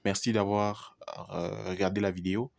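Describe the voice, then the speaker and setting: A man teaching English pronunciation who repeats each example word deliberately and addresses the viewer informally. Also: low voice, flat delivery, vocal fry. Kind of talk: pronunciation lesson.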